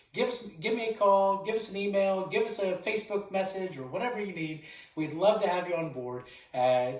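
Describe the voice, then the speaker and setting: A man's voice: a little high, darkish tone. A man hosting an interview, friendly and upbeat, laughing easily between questions. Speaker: interview host. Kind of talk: casual interview. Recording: echoey room, voice far from mic.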